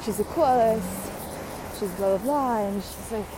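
Slow-talking young woman venting casually. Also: mid-range voice, background noise. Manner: chatty, blunt, swears, many fillers. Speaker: vlogger.

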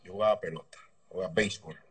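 A man with a Dominican accent, a mechanic telling stories from his past in a relaxed, rambling way in an interview over a video call. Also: sits low, fast talker. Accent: Dominican Spanish. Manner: relaxed, rambling anecdotes with slang. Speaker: guest, motorbike mechanic. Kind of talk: casual interview storytelling. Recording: distant video call audio.

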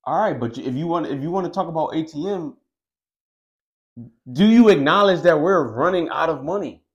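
A man's voice: fairly high pitch, moderate pace, highs cut off. A man co-hosting a podcast in casual chat, pushing back and arguing his own point. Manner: argumentative, pushes back. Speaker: podcast co-host.

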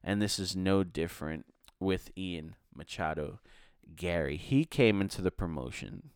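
A man's voice: low voice, expressive, measured pace, clear, resonant tone, no room sound, clean studio sound. A man hosting a podcast, giving a casual, chatty rundown of fight results and chuckling now and then. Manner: chatty, laughs between results. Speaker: podcast host. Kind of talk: casual fight review monologue.

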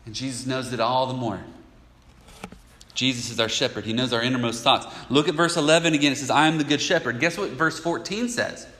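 A man's voice: medium pitch, a little fast, sharp tone. A man preaching a sermon as pastor, conversational and emphatic, with casual asides. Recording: echoey hall with long reverb.

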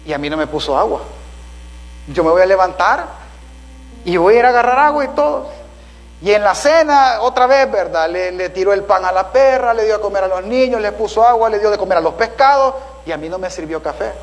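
A man's voice: high-pitched, a little fast, poor audio. A man preaching a sermon as a pastor, calling listeners "brother" and asking them rhetorical questions.

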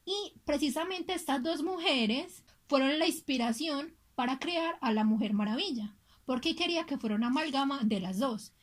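High-voiced woman telling gossip. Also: expressive, moderate pace, few pauses. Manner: chatty, gossipy storytelling. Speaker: podcast co-host. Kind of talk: casual chat.

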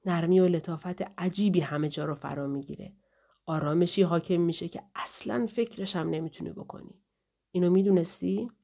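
A woman voicing a drunken, brutal male soldier who slurs and drawls, turning hushed and whispery at times. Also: fairly low pitch, gravelly. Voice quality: slurred drawling speech. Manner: menacing, sometimes hushed and whispery.

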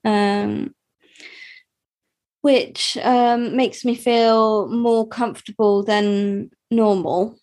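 A woman's voice: fairly high pitch, steady tone, very slow, darkish tone. A young woman from the UK, talking hesitantly about her life in an interview, with many fillers and restarts. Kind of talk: personal interview.

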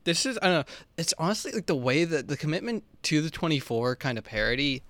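A man's voice: a little high, very animated, quick pace, a bit bright, no echo. A man co-hosting a podcast, chatting casually with a rambling style full of "like" and "just.". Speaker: podcast co-host. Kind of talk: casual chat.

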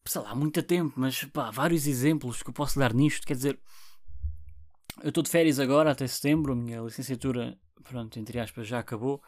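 A man's voice: mid-range voice, a little mellow, dry recording, studio quality. Rambling young man with a European Portuguese accent. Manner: rambling and profane, with frequent restarts and fillers. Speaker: podcast host. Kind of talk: casual solo podcast monologue.

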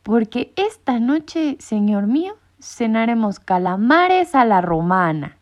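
A woman's voice: a little high, big pitch swings, slow pace. A woman voicing a pompous male cat leader who gives orders in a formal, bossy way. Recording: muffled lo-fi recording.

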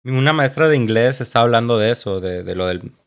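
A young man speaking with a Mexican accent at an average pitch. He chats informally, in the relaxed back-and-forth style of a podcast co-host. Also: a little fast, smooth. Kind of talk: casual chat.

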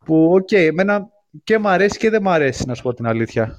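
A man's voice: high-pitched, sing-song. A man calling in to a casual chat show, talking about basketball with many fillers and restarts. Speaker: caller.

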